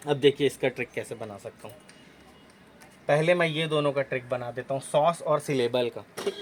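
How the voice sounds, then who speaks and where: A man's voice: medium pitch, normal speed, a little hiss or hum, rough recording. A male teacher giving an exam-prep lesson, explaining memory tricks step by step and often repeating and checking with "okay".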